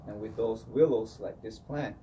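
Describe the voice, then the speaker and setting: A man telling a traditional story in an animated way, often saying "you know". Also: lowish voice, moderate pace, dull audio, a little hiss or hum. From Hopi. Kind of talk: oral storytelling. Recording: distant mic with faint ambience.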